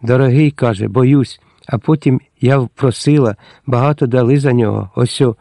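A man's voice: mid-range voice, moderate pace, creaky, warm tone, no room sound, studio quality, lightly acted. A man voicing a poor, timid young servant girl in a storybook reading, eager and pleading.

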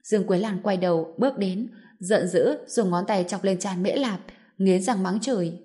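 Female audiobook narrator, dramatic, even storytelling. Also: medium pitch, normal speed.

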